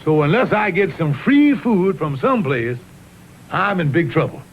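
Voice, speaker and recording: A man's voice: on the high side, animated, normal speed, a little hiss or hum, natural voice. A man voicing a pompous, sputtering, scheming old colonel in a cartoon, with a Southern US accent and blustering delivery. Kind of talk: 1960s TV cartoon comedy acting. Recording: muffled vintage TV soundtrack with music.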